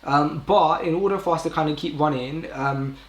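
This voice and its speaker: A young British podcast host live streams casually from a room with noticeable indoor echo. His voice is a little high and at normal speed, and he rambles informally, often correcting himself.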